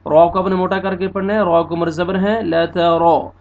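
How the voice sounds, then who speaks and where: A man teaching Quran recitation rules. He spells out letters and vowel marks one by one, patiently corrects mistakes, and recites words in a drawn-out way. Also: sits high, fairly even intonation, phone-quality sound. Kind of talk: tajweed lesson.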